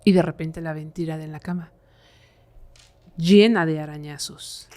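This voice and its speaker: A woman's voice: low-pitched, fairly even intonation, normal speed, mellow. A woman, a podcast guest, telling a horror story in a conversational way, full of fillers. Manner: conversational, many fillers like "eh" and "este".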